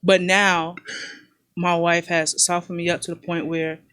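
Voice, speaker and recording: A man's voice: sits high, level tone, measured pace, pushed and bright, clean tone. A man co-hosting a casual podcast chat, talking candidly and reflectively about family and parenting. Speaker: podcast co-host.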